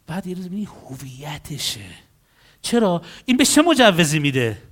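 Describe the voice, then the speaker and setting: A man working as a counselor, telling stories about clients and acting out their dialogues in an animated way. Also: on the high side. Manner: animated storytelling, acts out dialogues.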